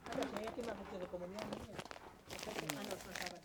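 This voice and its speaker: Una mujer mayor con acento de España, abuela que ayuda en la tienda y charla con tono socarrón y directo. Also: female voice, mid-range voice, fast, heavy background noise. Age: older. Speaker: helper in the shop. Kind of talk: casual chat.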